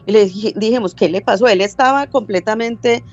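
A woman's voice: mid-range voice, normal speed, darkish tone. Brief: older woman, Medellín Colombian accent, rambling storyteller, dull lo-fi line with faint music. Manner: rambling, self-correcting, acts out quoted dialogue. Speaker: caller sharing a story. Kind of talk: casual storytelling.

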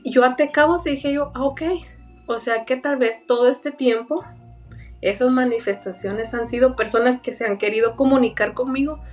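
Young woman, earnest halting storyteller, a little off-mic, soft music under. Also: a little high. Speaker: guest telling a personal story. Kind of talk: personal paranormal testimony. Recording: voice a bit far from the mic, faint music behind.

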